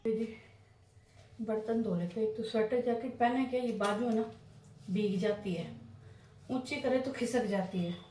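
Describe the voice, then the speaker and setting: A woman's voice: on the high side, unhurried, long pauses, noisy background. A middle-aged woman chatting casually to viewers in a home vlog, homely and talkative, often calling out "chaliye ji". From India. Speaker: vlogger.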